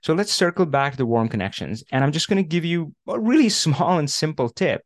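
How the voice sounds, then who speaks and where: A male career coach runs an online session with a student about finding a job, casual and filler-heavy, often tossing in "right?". His voice is on the high side, animated, and a little fast, in studio-quality audio without echo.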